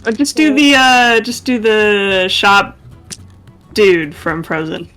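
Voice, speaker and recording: A woman's voice: medium pitch, steady tone, slow, a bit bright, soft background music. A woman player chatting playfully during a tabletop game, often giggling. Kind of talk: casual game chat.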